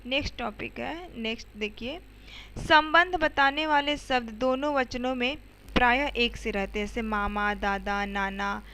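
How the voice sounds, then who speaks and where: A woman's voice: fairly high pitch, steady tone, unhurried, sharp tone, rough recording. A woman teacher explaining grammar to schoolchildren step by step, often checking in with "okay" and asking the students questions. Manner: addresses students directly with questions.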